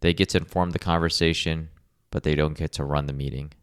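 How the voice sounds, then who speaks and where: A man hosting a rehab podcast, speaking in a calm, measured coaching tone in a scripted monologue. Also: extremely low pitch, clear, resonant tone, no room sound, studio quality. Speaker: podcast host, rehab clinician.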